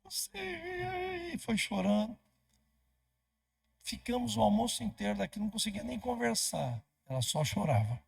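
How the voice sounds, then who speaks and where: Brazilian pastor, storytelling sermon, animated voicing of dialogue, raspy and very gravelly. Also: male voice, high-pitched, normal speed. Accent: Brazilian Portuguese. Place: church.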